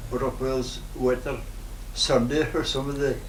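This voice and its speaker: A man in his nineties with a broad Scottish accent, reminiscing informally in a halting, rambling way in dialect. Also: mid-range voice, flat delivery. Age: 90s. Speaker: interviewee, retired farm worker. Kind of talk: informal oral-history reminiscence. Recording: roomy, noisy, distant microphone.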